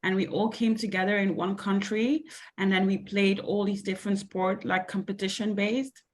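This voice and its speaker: Speaking at normal speed in a mid-range voice with a level tone, a young Belgian woman responds to interview questions about her sports coaching. She is a guest, a sports coach and mentor, and her speech is hesitant, packed with ums, likes and other fillers.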